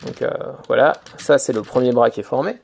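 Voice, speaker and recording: Handling a toy while he reviews it, a man explains each step hesitantly and leans heavily on fillers such as "donc voilà." He has a mid-range, darkish voice with vocal fry, talks a little fast, and a slight hiss or hum is audible.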